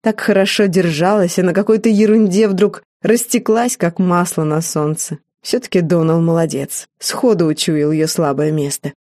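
A woman's voice: fairly low pitch, fairly even intonation, moderate pace, hardly any pauses, warm tone, dry recording, clean studio sound. Woman narrating an audiobook, wry. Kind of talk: scripted narration.

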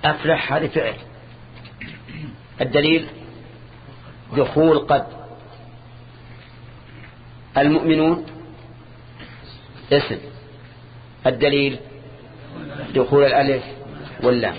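An older man gives a grammar lesson in a measured, repetitive way, stopping to quiz his students. His voice is pitched in the middle range. It comes through a dull, lo-fi old tape with a faint hiss underneath. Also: steady tone. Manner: measured, repeats key terms, quizzes students. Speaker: sheikh teaching Arabic grammar. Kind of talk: classroom lesson.

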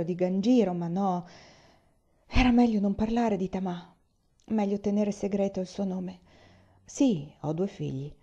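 A woman narrates a novel in a calm, measured way. Her voice is mellow and soft-edged. The recording is slightly dull and lo-fi. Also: mid-range voice. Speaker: reader. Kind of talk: audiobook narration.

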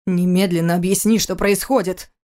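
A woman's voice: medium pitch, normal speed, darkish tone, close to an everyday voice. A woman reading an audiobook voices a young husband in her own plain, questioning voice. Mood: angry. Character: young husband, tender then demanding.

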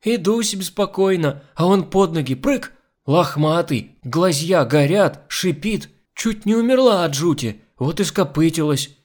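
A man's voice: a little high, animated, unhurried, few pauses, darkish tone, voice pushed up. A man doing a whining pious old nanny. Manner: whining, superstitious. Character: old frightened woman servant, pious and whining. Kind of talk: audiobook reading.

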